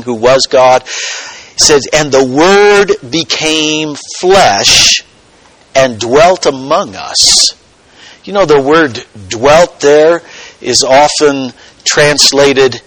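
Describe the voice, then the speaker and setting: A man preaching a sermon, teaching earnestly and dropping to a soft voice for quoted words. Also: on the high side, no echo, poor audio. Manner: slow, earnest teaching with dramatic soft quotations.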